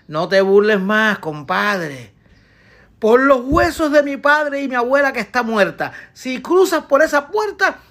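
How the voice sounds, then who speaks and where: A woman playing a shrill, jealous, furious wife. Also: a bit bright. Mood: scolding. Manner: shrill, scolding, sarcastic. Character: furious jealous wife scolding her husband. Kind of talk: comic rhymed verse performance.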